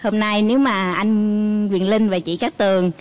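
A woman, the contestant's older sister, greeting the hosts politely and haltingly before giving her opinion. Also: medium pitch, fairly even intonation.

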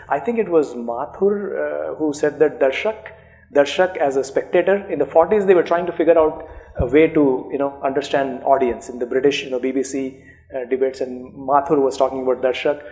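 A middle-aged author with an Indian accent, a native Urdu speaker, talks thoughtfully in a warm, mid-range voice during an academic interview in an indoor seminar room. His speech has many fillers and restarts, and the handheld-mic audio is poor.

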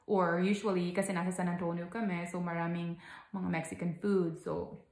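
A woman's voice: fairly low pitch, little pitch movement, moderate pace, a little mellow, reverberant. A young Filipino woman from the Philippines with a Filipino accent, giving casual vlog advice, chatty with frequent laughs and fillers. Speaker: vlogger. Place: home in Texas.

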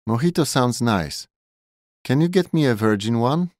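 Young Polish tourist, male, 20s, voiced by a male narrator, wary and curt, a touch higher than the narrator; dry studio read. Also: animated, unhurried, darkish tone, no echo, close to an everyday voice. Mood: wry.

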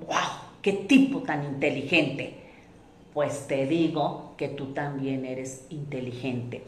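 A woman giving a self-help talk, deliberate, repeating lists and acting out quoted remarks. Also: sits low, reverberant. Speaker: motivational speaker.

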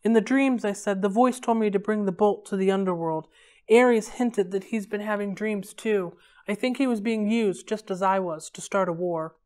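A woman's voice: medium pitch, normal speed, darkish tone, close to an everyday voice. A woman voicing an earnest teenage boy explaining himself to powerful elders.

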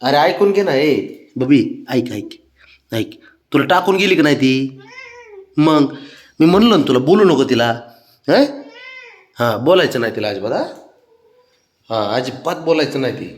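A man's voice: medium pitch, lively intonation, moderate pace, pauses often, reverberant. Man coaxing his cat in teasing pet talk. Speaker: cat owner.

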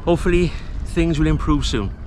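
Man in his thirties, fairly high voice, easygoing chatty fishing vlogger, outdoors by the water, faint wind noise. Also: a little fast. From Wales. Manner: relaxed, chatty, self-deprecating. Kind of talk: casual talk to camera. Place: outdoors on a rocky estuary shore. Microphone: camera mic, close framing.

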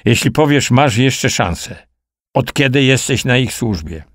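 A man's voice: mid-range voice, expressive, unhurried, a bit bright, no echo, clean studio sound, voice pushed up. A man voicing a brutal male officer interrogating a prisoner, in an audiobook reading, with a sneering, threatening delivery. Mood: menacing.

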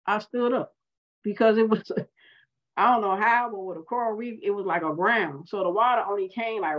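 Animated woman minister, dull lo-fi sound. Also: on the low side. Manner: animated, conversational storytelling with acted-out quotes. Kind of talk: sermon storytelling.

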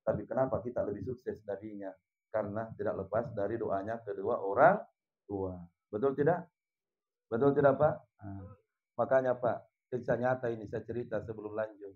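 A man's voice: fairly low pitch, moderate pace. A male preacher, giving an emotional funeral gathering sermon mixed with humorous stories. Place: religious gathering with congregation. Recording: dull lo-fi sound.

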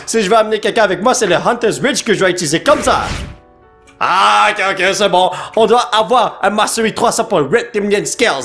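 Man, gameplay commentary, high voice, very lively swings, bursts of shouting, slangy, faint game music behind. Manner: excitable, exclamations and shouts mixed with English slang. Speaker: gaming YouTuber.

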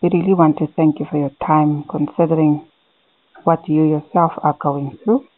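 A woman's voice: low-pitched, steady tone, normal speed, no room sound. A woman with a Namibian accent, speaking conversationally as a radio interviewer. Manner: switches between Afrikaans and English. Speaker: interviewer, journalist. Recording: tinny, narrow phone-like line.

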